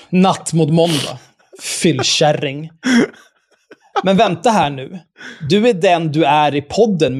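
A man's voice: on the high side, a little mellow. A man hosting a podcast, reading out listener emails and tearing into them with furious, profane ranting and scornful laughs. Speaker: podcast host.

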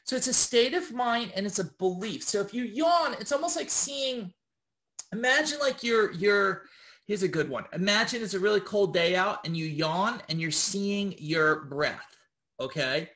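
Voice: medium pitch, animated, normal speed, fairly bright tone. An instructor talking in a loose, rambling way, checking in with the listener by asking okay after almost every point and swearing now and then. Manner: rambling, with frequent tag questions of okay; loose and informal, with occasional swearing. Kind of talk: casual instructional monologue.

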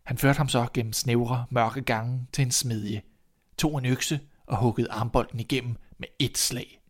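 Calm man reading a fairy tale. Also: mid-range voice. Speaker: narrator. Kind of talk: storybook reading.

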